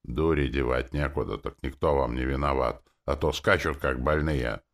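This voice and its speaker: A man's voice: lowish voice, animated, moderate pace, pitched above the performer's own voice, lightly acted. A man doing a grumpy old carter. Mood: grumbling. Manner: grumbling, later fawning. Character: grumpy suburban middle-aged male cart driver.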